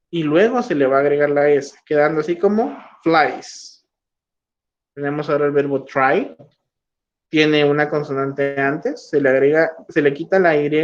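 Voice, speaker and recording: A man with a slightly high voice explains grammar rules at a very unhurried pace. He repeats each point patiently and models words one by one. The recording sounds muffled and lo-fi. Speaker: English teacher. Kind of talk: slow classroom explanation. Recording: dull lo-fi recording.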